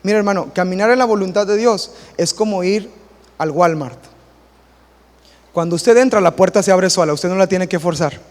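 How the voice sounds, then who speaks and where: A man, a pastor preaching a sermon in a church, lively and acting out quoted voices and little stories. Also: high-pitched, normal speed, in a large hall. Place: church hall.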